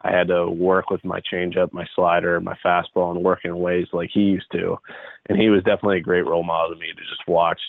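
A man in his twenties from the Chicago area, a baseball pitcher guesting on an interview, talking loosely and rambling with lots of filler "like.". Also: little pitch movement, fairly quick, vocal fry. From Chicago area, United States. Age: 20s. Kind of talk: casual interview chat. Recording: tinny phone-like line.

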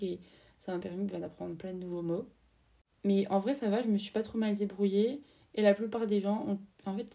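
A woman's voice: mid-range voice, gravelly, warm tone, far from the mic. A young woman in her twenties from France, hosting a casual storytelling podcast in a chatty way, full of fillers and slang. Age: 20s. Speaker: podcast host.

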